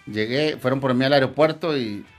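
A man's voice: mid-range voice, normal speed, faint music behind. A man, a former footballer telling crude, laughing anecdotes in a casual chat. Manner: laughing storyteller, crude slang, acts out voices.

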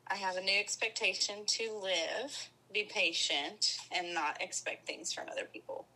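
Bright-voiced woman, slow deliberate speech. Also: mid-range voice, poor audio. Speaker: coaching client. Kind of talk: repeating an affirmation in a coaching session.

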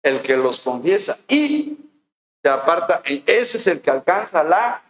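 Mexican man, pastor, folksy sermon, high voice, echoey church. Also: sing-song, a little slow, muffled recording, a little hiss or hum. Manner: folksy, conversational preaching with rhetorical questions.

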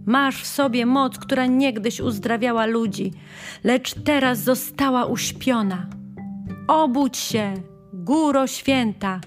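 A solemn male storybook creature calls out in a raised, ceremonial chant, as a woman reader puts him on. The delivery is slow and measured in a children's audiobook. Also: on the high side, music in the background, pitched above the performer's own voice.

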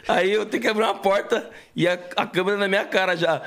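A man's voice: sits high, fairly even intonation, fast, gravelly, fairly bright tone. A man who acts in a series, chatting as a podcast guest in a laid-back, slangy way. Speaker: actor guest. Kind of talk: casual chat.

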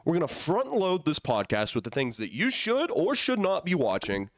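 A man hosting a podcast with playful, casual hype, his voice wheezy and hoarse from being sick. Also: fairly high pitch, wildly swooping pitch, moderate pace, no echo, studio quality. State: sick, voice partly gone. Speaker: podcast host.

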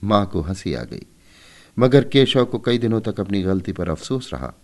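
Low-voiced expressive male storyteller. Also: normal speed.

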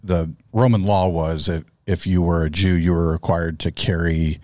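A man's voice: deep voice, steady tone, moderate pace, darkish tone, no echo, studio quality. A man on a church staff podcast, easygoing and joking, with hesitant fillers. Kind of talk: casual chat.

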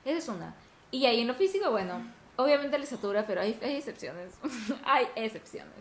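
A woman's voice: fairly high pitch, lively intonation, quick pace. A young woman chatting casually as a co-host, rambling with lots of fillers. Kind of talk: casual chat. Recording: roomy echo.

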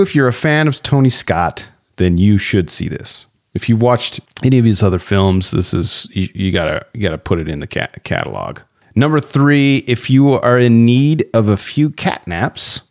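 Low-voiced man, laid-back podcast co-host. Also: sing-song, moderate pace. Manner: laughs often while reading reviews aloud. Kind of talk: casual chat reading listener reviews.

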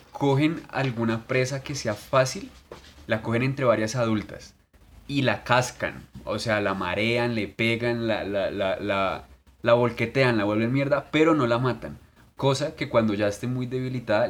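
A man, co-hosting a podcast in casual chat, telling stories in a crude, animated way full of swearing. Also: medium pitch. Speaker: podcast co-host.

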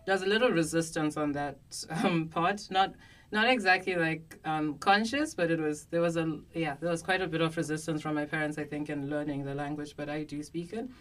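Low-voiced young woman from Zimbabwe. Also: fairly bright tone. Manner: measured, reflective, fillers. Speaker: podcast guest. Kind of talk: casual podcast discussion.

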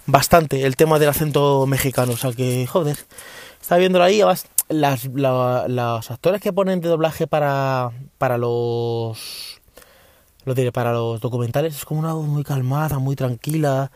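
A man's voice: medium pitch, darkish tone, no echo. A man from Spain, hosting a casual podcast from his parked car, rambling with frequent restarts and mild swearing. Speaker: podcast host. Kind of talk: casual chat.

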